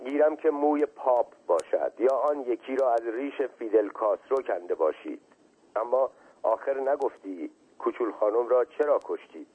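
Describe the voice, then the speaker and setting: A man voicing a curt, impatient male master with a husky voice, heard as a tinny radio reading. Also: medium pitch, animated. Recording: tinny phone-like radio sound.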